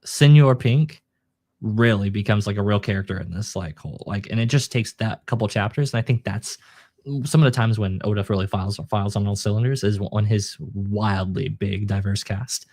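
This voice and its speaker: A man's voice: on the low side, moderate pace, a little mellow, dry recording. A man co-hosting a podcast, chatting casually and enthusiastically about manga and acting out characters' lines. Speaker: podcast co-host.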